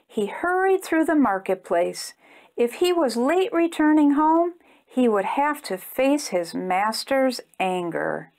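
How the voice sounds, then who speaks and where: A woman reads a children's storybook aloud in a fairly high voice full of melody. She goes slowly and expressively, like a storytime host for small listeners, using simple phrasing for young children.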